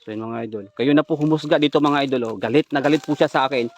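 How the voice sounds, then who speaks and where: Outdoors at night with a handheld camera, a ghost-hunting vlogger whispers tense commentary to his viewers and sometimes shouts at something unseen. He has a medium-pitched voice and talks fast.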